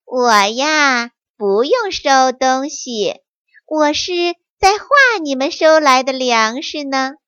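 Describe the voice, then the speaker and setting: A woman's voice: sits high, expressive, slow, a bit bright, no echo, highs cut off, heavily acted. Woman doing a sly, lilting fox cub who teases. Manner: sly, teasing, light and breezy. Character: sly, cheerful little male fox.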